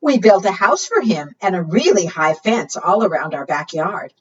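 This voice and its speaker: At a preschool storytime, the host, a children's librarian, reads a book aloud with a sing-song lilt and pauses to put questions to the little ones. Her husky voice sits on the low side, is expressive, and moves at a moderate pace. The audio is lo-fi and dull, captured from a distance.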